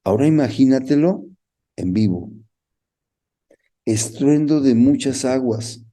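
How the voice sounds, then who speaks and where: A man's voice: medium pitch, lively intonation, takes it slowly, warm tone. A man with a Mexican Spanish accent gives a Bible lesson, reading scripture aloud and asking the listener questions. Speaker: Bible course teacher. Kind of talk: Bible teaching talk.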